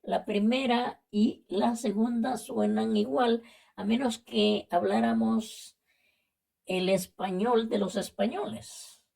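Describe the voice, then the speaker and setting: A woman from Latin America with a Latin American Spanish accent, teaching a vocabulary and spelling lesson and explaining slowly and carefully with repetitions. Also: on the high side, fairly even intonation, gravelly, a little mellow. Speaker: language teacher.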